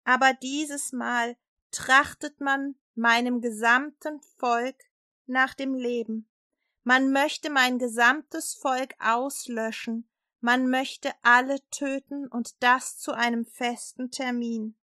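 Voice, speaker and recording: A woman's voice: sits high, fairly even intonation, takes it slowly, pushed and bright, dry recording, clean studio sound, full character voice. A woman voicing an earnest, pleading young queen. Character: brave young queen pleading for her people.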